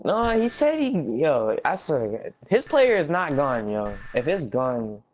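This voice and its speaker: A man's voice: on the high side, very animated, takes it slowly, highs cut off. A young man talking in a blunt, slangy, sweary way over casual gaming voice chat. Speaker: online gamer. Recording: noisy game chat with clicks.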